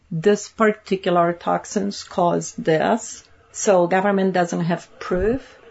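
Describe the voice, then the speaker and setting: A woman's voice: lowish voice, vocal fry, darkish tone, breathy edge. A middle-aged woman from Poland with a Polish accent, speaking earnestly as an interview guest and repeating points for emphasis. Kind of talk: interview conversation. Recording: dull lo-fi sound.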